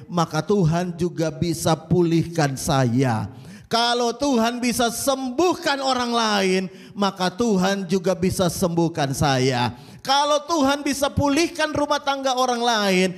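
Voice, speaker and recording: A middle-aged Indonesian man preaching a sermon as pastor, animated, acting out imagined congregants' questions in sudden voices. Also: high-pitched.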